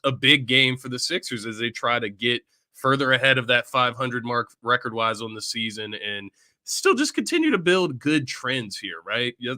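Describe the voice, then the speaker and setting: A man hosts a casual pregame sports show with a bright, forceful voice that is audibly congested. He talks in a loose, chatty way and keeps checking in with his listeners. The sound is close and dry, with no room around it. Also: medium pitch, no room sound. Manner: chatty, often tags lines with "right?". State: congested from illness. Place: at home.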